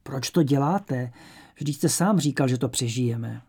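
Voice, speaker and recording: A man voicing an anxious, cautious young male prisoner who speaks urgently, with a gravelly husky voice. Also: mid-range voice, darkish tone. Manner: urgent, worried.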